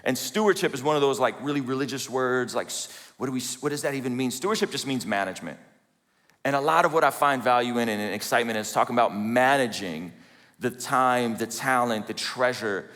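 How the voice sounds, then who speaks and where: Speaking to a conference audience, an Azerbaijani man in his forties recounts his personal story with jokes at his own expense, his mid-range voice a bit bright. The big hall gives the recording a long reverb.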